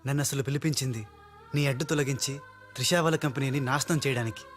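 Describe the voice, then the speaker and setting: Young film hero, man, earnest and intense, brisk pace. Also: medium pitch, faint music behind, lightly acted.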